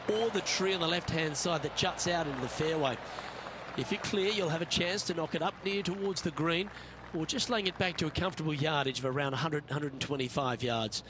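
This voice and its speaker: A man's voice: a little high, noisy background, lightly acted. A man speaking as a golf commentator, giving play-by-play as the lead announcer of a tournament broadcast. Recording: loud crowd and outdoor ambience behind.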